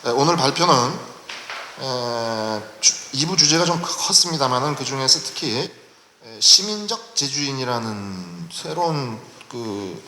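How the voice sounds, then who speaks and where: A middle-aged man from Jeju moderating a public forum in a formal, halting manner, with many pauses. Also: mid-range voice, animated, pushed and bright. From Jeju, South Korea. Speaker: panel moderator. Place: large lecture hall at a public forum. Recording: echoey hall recording with faint noise.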